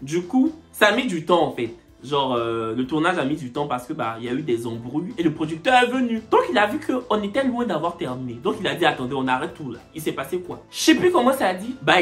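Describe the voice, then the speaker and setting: A woman telling a funny story in a vlog, acting out other people and raising her voice for effect. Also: on the low side. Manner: animated, acts out other people's voices and shouts. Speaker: comedian storyteller.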